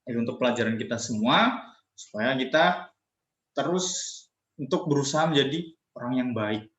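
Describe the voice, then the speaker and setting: A man's voice: mid-range voice, expressive, normal speed, a bit bright. A young man telling a religious story to children and drawing a lesson from it, playful and acting out quoted voices. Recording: echoey lo-fi recording.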